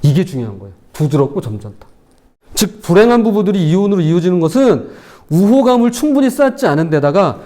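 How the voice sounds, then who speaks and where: Male pastor, sermon delivery; high-pitched and very animated, plays out spouses' quarrels.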